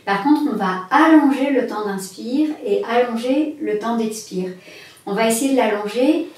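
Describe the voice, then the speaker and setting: A woman's voice: fairly high pitch, measured pace. A woman instructor giving guided breathing instruction in a conversational, step-by-step way. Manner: explanatory, with guiding step-by-step phrases. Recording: very echoey room, distant mic, faint noise.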